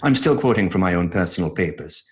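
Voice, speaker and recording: An actor playing an earnest male doctor who recounts his case records in measured, formal horror audio drama narration. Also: sits low, lively intonation, background noise. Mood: sober, grave. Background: music.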